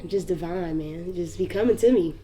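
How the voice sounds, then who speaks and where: A woman's voice: fairly low pitch, moderate pace, over loud music. Laid-back Southern woman telling her story. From North Carolina, US. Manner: laid-back, many "like"s, frequent laughs. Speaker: rapper. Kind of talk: casual interview storytelling.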